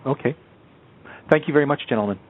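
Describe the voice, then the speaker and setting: Speaking fast at medium pitch, a male analyst asks questions on a conference call. He's hesitant, circling back to rephrase, and the phone line sounds muffled.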